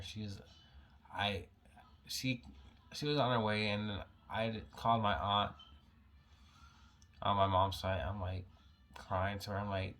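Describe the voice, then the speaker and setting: A young man speaks in a low, fairly monotone voice as he tells a personal story to camera. His speech is halting and packed with "like" fillers, and he sounds on the edge of tears. A faint room hum sits underneath. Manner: halting, heavy use of "like" fillers, emotional. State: holding back tears. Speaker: vlogger telling a personal story.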